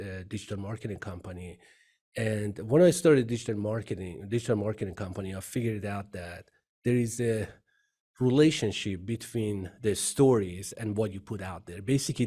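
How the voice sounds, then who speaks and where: Iranian-accented man, dark low voice. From Iran. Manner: earnest, storytelling, repeats phrases. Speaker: guest, company CEO. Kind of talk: interview conversation.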